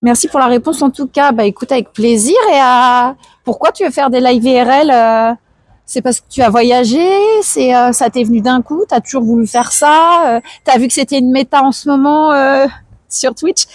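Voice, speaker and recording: A woman with a hoarse, tired voice, chatting casually and answering viewers on an outdoor livestream. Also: high voice, normal speed, dry recording. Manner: chatty, slangy, reads out and answers chat. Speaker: live streamer chatting with viewers. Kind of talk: casual chat, IRL livestream. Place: outdoors, walking through town streets.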